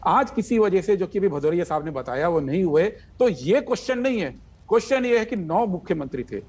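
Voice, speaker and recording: A man's voice: high voice, expressive, brisk, darkish tone, breathy edge. A man speaking as a party guest in a heated TV debate, insistent and argumentative, citing figures to make his point.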